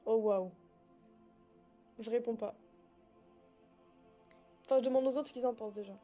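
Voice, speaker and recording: A woman's voice: a little high, steady tone, normal speed, mellow. A woman chatting casually as a player in a tabletop role-playing game. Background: background music.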